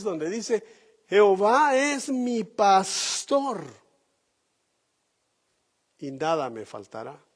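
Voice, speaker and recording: A male pastor preaches slowly and emphatically, pausing on rhetorical questions to the congregation. His voice sits high and swings widely in pitch. The sound carries a long hall reverb. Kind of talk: sermon.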